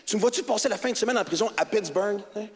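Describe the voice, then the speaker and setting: A middle-aged man from Quebec with a Québécois French accent, doing animated, colloquial stand-up storytelling that swings between mumbling and shouting, into a handheld mic in a theatre. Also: high voice, fast. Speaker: stand-up comedian. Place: large theatre stage with audience. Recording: hall reverb with audience ambience.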